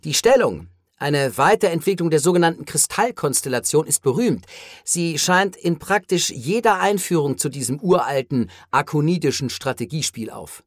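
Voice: medium pitch, expressive, moderate pace, dry recording, clean studio sound, natural voice. A narrator voicing a knowledgeable man who lectures emphatically, in an audiobook reading. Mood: explaining.

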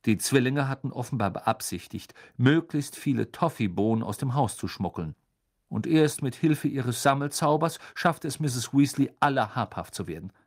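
A man narrating a story in an expressive storytelling voice. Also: medium pitch, normal speed. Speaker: audiobook narrator. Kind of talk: scripted narration.

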